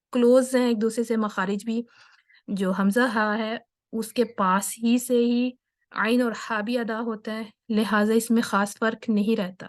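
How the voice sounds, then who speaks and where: Patient woman teaching Quran pronunciation. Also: mid-range voice. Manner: patient, explains step by step and demonstrates sounds slowly; mixes English terms into her Urdu explanations. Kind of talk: online tajweed lesson.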